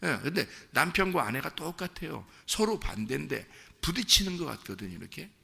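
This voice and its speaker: Male pastor, sermon, gravelly voice, bright tone, church hall reverb. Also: a little high, a little fast. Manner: animated, playful, asks the congregation questions. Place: church sanctuary.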